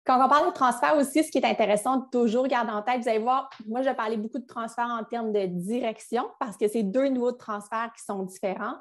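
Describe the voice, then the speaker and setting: Here a business succession advisor, a young woman with a Quebec French accent, gives a webinar presentation on a video call. She's a fast talker with few pauses and a slightly high voice, keeping things conversational with lots of fillers and restarts.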